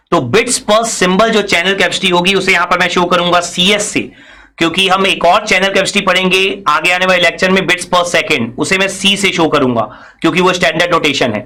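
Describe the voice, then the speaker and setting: Bright, high-pitched man teaching. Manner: explains step by step, asking and answering his own questions; mixes in English technical phrases. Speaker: engineering lecturer. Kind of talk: recorded classroom lecture.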